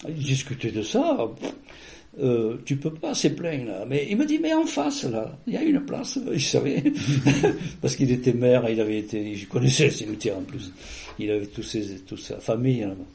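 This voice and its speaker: Man with a warm, mellow voice telling a story. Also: mid-range voice, very animated, moderate pace, gravelly. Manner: rambling, with frequent restarts and fillers. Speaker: interviewee. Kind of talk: casual personal storytelling.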